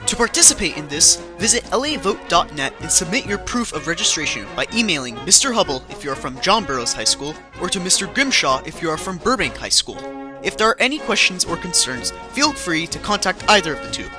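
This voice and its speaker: A man's voice: sits high, sing-song, a little fast. A male student announcer doing a punchy, attention-grabbing promo. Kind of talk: comedic promo segment. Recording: music bed underneath.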